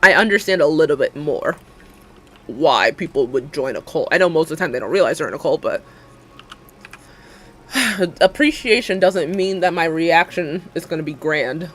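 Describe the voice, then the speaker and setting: A woman's voice: low voice, animated, moderate pace, a bit bright, a little hiss or hum. A young adult woman chatting casually with her live viewers, rambling with lots of fillers and frequent laughs. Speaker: livestreamer.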